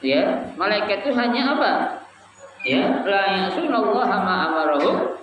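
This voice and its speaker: A man's voice: high-pitched, big pitch swings, normal speed, background noise. A man teaching a religious study group, asking the audience questions and chanting Arabic phrases in a sing-song. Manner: asks the audience questions and lets them answer. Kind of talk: Islamic study lesson to a live group. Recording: echoey room, voice from far off, dull sound.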